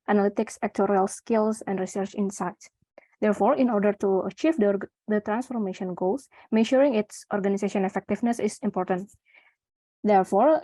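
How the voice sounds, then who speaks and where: A woman's voice: mid-range voice, mellow, no echo. A young woman from Indonesia with an Indonesian accent, presenting her research paper at a conference, with many fillers and restarts. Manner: halting, with frequent fillers and restarts.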